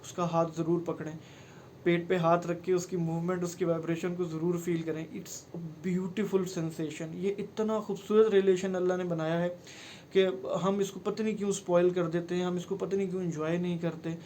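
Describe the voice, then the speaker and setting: A man's voice: high voice, flat delivery, normal speed, darkish tone, a little hiss or hum. A man, giving earnest, pleading advice to camera in a personal vlog and mixing in English phrases. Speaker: vlogger.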